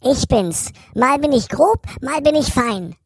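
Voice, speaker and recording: A whiny, offended talking sausage. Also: male voice, very high-pitched, expressive, a little slow, breathy edge, no room sound, studio quality, voice pushed up, heavily acted. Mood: sulky complaining. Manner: whiny, endlessly complaining. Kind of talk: children's story reading.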